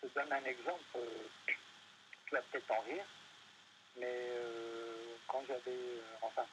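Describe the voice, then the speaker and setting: A man's voice: mid-range voice, fairly even intonation, takes it slowly, background noise. A man being interviewed, talking hesitantly with many fillers and restarts. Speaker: interview guest. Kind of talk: casual panel interview. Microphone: studio microphone.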